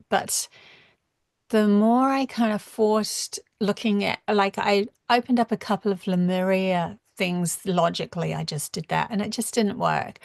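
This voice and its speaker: A woman with a New Zealand accent giving a rambling live-stream spiritual talk, full of halting restarts. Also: lowish voice, creaky, a little mellow, no room sound, studio quality. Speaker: spiritual channeler.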